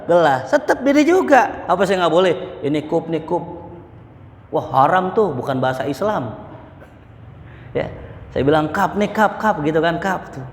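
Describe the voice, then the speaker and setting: A man gives a mosque study lecture, joking and acting out market banter. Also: high-pitched. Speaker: religious teacher. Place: mosque hall. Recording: echoey mosque hall.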